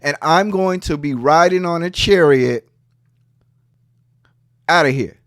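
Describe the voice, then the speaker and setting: High-voiced mocking man, dry close sound. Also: takes it slowly, no echo. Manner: animated, profane, mocking. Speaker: podcast host. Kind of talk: heated casual commentary.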